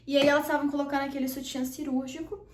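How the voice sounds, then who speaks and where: A woman's voice: high-pitched, fast talker, echoey room, recorded from a distance. A young woman from Brazil telling a personal story in a chatty vlog, acting out the quotes as she goes. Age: young adult. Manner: chatty, animated, acts out quotes. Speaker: vlogger.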